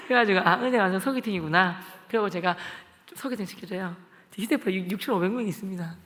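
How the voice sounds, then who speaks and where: Fast, high-voiced animated man preaching. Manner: animated storytelling, acting out dialogue with shouts. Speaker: deacon giving a testimony. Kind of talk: evangelistic testimony sermon. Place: church sanctuary. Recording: long church-hall reverb.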